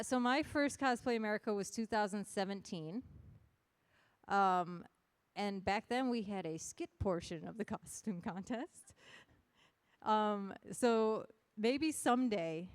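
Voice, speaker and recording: A woman's voice: mid-range voice, a little slow, clean tone, no echo. Chatty emcee woman, dry close sound. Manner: chatty, joking, rallying the audience. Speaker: emcee of a costume contest. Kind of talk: lively stage hosting to a crowd.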